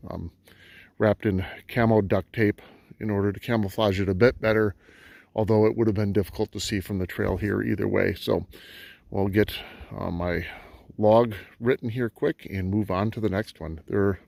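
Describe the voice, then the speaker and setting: A man's voice: fairly low pitch, steady tone, moderate pace, creaky, darkish tone, no echo. A man narrating a casual outdoor vlog in snowy woods, easygoing and full of ums and uhs, talking to a camera set up on the trail. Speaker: metal detecting vlogger.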